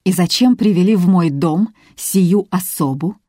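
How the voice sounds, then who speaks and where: A proud widow snaps back in a haughty, cutting way, as a woman narrator puts her on. The voice is low and dark, recorded close and dry. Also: unhurried, husky, dry recording. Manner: haughty, sharp. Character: haughty widow, mistress of the house.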